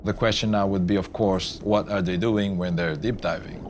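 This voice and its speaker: A man's voice: low-pitched, fairly even intonation, normal speed, noisy background. A man speaking as a marine researcher, explaining his work in an unscripted nature documentary interview. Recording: clear music under the voice. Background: music.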